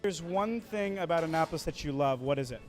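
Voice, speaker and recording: A man's voice: fairly high pitch, expressive, fairly quick, soft background music. Playful man interviewing people on the street. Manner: playful, teasing questions. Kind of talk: street vox pop interviewing. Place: outdoors on a busy downtown street.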